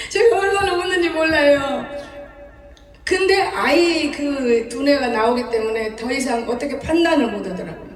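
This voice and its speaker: A woman's voice: high-pitched, moderate pace, crowd noise. A woman in her seventies, a pastor preaching a sermon in a folksy storytelling way, often laughing as she talks. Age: 70s. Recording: echoey church hall, distant mic.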